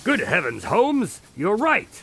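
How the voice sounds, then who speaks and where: A man plays a loyal, proper doctor in a radio drama, always earnest and questioning. His voice is fairly high, bright and very lively in pitch. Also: slow pace, creaky, husky, full character voice. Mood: curious, earnest.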